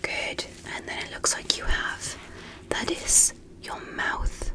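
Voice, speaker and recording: Playing a fascinated alien doctor, a woman ASMR performer delivers a medical roleplay in a soft, breathy whisper. Her phrases are short, measured, gentle and deliberate, and the recording is rough.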